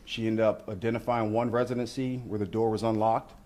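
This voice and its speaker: A man speaking as a law enforcement official, walking reporters through footage in measured, procedural language. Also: lowish voice, little pitch movement, darkish tone. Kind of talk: news briefing commentary on footage.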